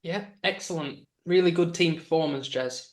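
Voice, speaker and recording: A man with a Northern English accent co-hosting a podcast, jokey and lively. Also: a little high, moderate pace, echoey room, far from the mic. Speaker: podcast co-host. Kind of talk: casual chat.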